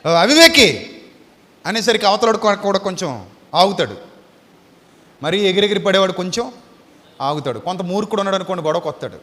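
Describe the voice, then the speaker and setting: Male preacher, high bright voice, emphatic and repetitive, long hall reverb on the recording. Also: animated, fast, pauses often. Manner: fires rhetorical questions at the audience. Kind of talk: Easter sermon.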